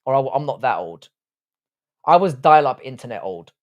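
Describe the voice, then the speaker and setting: A man's voice: mid-range voice, big pitch swings, moderate pace, highs cut off. A man in his thirties with a London accent, hosting a live stream and answering viewer comments in a blunt, profane, joking way. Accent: London English. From Ireland, raised in southwest London. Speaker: livestream host.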